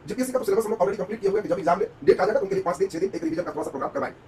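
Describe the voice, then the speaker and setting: A man's voice: big pitch swings, rapid-fire, creaky, darkish tone. A man teaching an exam-prep history class, urging and quizzing his students and hammering home points with repeated emphatic words. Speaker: coaching teacher. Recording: distant mic with faint rumble.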